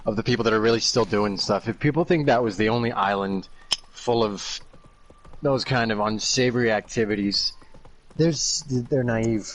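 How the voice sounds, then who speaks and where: A man's voice: lowish voice, moderate pace, a little hiss or hum, rough recording. Sardonic rambling man chatting casually. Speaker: podcast co-host. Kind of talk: casual chat.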